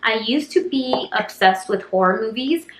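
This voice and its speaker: A young YouTuber whose native language is Spanish chats casually through a get-to-know-me Q&A, rambling and leaning hard on "like" and "um." Her voice sits on the high side and sounds expressive and a bit bright at a moderate pace, recorded in an echoey room.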